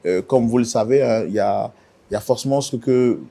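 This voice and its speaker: A male TV talk show host with a mid-low voice of ordinary pitch, speaking formally and steadily. He pauses with soft hesitations as he introduces guests on a studio set. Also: gravelly. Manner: formal, measured, with frequent "euh" pauses.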